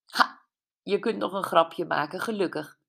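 A woman voicing Jules, a caring friend who probes gently and a bit knowingly, in an audiobook. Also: lowish voice, a little slow, gravelly, heavily acted. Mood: probing. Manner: gentle but probing, a little know-it-all. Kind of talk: audiobook character voice.

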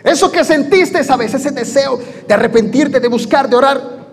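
High-voiced man preaching in a hall. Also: normal speed. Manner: storytelling, laughs often, repeats words. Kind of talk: sermon with personal testimony.

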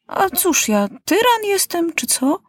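A woman's voice: very high voice, sing-song, slow, no room sound, clean studio sound, pitched above the performer's own voice, exaggerated voice. A woman reading a storybook, voicing a young boy king who asks eager, uneasy questions.

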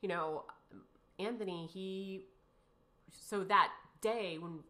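A woman's voice: mid-range voice, takes it slowly, bright, forceful tone. A woman in her thirties telling an emotional personal story as an interview guest, rambling with many fillers and restarts.

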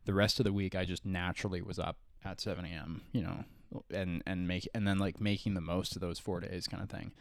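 A man's voice: deep voice, little pitch movement, fairly quick, hardly any pauses, no echo, studio quality. A man in his early twenties co-hosting a podcast, chatting casually and rambling with lots of "like" and restarts. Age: early 20s. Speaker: podcast co-host. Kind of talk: casual chat.

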